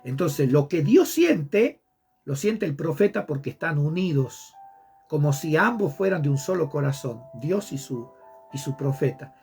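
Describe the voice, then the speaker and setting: A man's voice: on the high side, expressive, measured pace, creaky, darkish tone, faint music behind. A man who is a pastor, preaching fervently with a repetitive sermon cadence. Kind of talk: impassioned preaching on a program.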